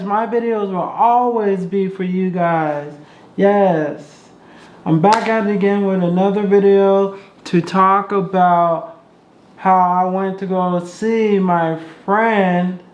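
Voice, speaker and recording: A vlogger hosting a casual storytime vlog, slowly rambling and repeating points. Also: mid-range voice. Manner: slow, rambling, repeats itself. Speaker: vlogger host. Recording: echoey, dull lo-fi room sound.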